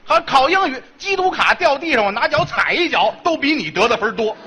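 A man with a Beijing accent performing a crosstalk comedy routine, firing off sharp, teasing retorts. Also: extremely high pitch, sing-song, fairly quick, background noise.

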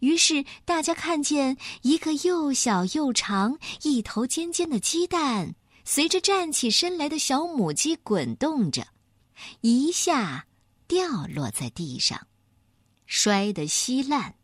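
A woman narrating a children's story in an expressive, animated way. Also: high voice, slow pace, dry recording, clean studio sound.

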